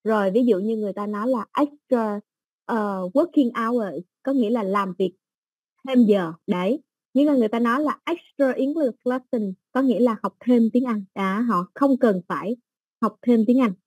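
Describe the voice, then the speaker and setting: A woman teaching an English exam-prep lesson, explaining slowly with everyday examples and many fillers. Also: on the high side, darkish tone, slightly rough, no echo, muffled recording.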